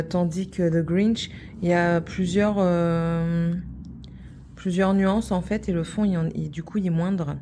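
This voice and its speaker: A woman chatting casually to her viewers about her craft projects, wandering from one thought to the next and teasing herself along the way. Her voice sits a little low and sounds soft and mellow rather than bright. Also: gravelly, a little hiss or hum. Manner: chatty, rambling, self-teasing. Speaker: crafts vlogger.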